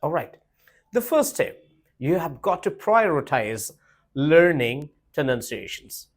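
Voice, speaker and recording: A man's voice: fairly high pitch, big pitch swings, slow pace. A man teaching a lesson, emphatic and repetitive, asking the viewers rhetorical questions. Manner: emphatic, repeats points, asks rhetorical questions. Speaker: English teacher. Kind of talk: spoken English lesson to camera.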